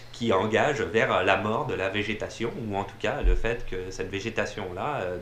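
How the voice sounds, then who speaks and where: A man's voice: lowish voice, fairly bright tone. A man casually reviewing films, rambling with many fillers and repeated words. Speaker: film reviewer. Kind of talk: casual film review talk. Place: room with a TV playing behind him. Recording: roomy echo, faint ambient noise.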